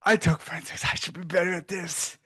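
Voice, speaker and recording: A young man speaking at his grandfather's memorial, halting and self-conscious, laughing and crying at once. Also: sits high, level tone, bright, forceful tone, slightly rough. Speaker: grandson giving a eulogy. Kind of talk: personal memorial speech.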